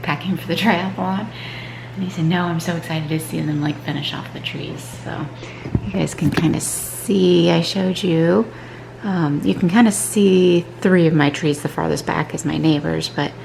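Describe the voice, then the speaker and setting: A woman with a low-sitting voice vlogs casually from home in the morning, her nose stuffed up. A mom and triathlete, she rambles in a chatty way, saying "um" and "like" a lot. The room is echoey, with background noise and clear music underneath her voice.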